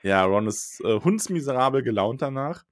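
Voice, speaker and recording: Man, co-host, casual book chat, middle pitch, relaxed retelling, dry recording. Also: no room sound. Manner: relaxed, retells scenes in quick asides.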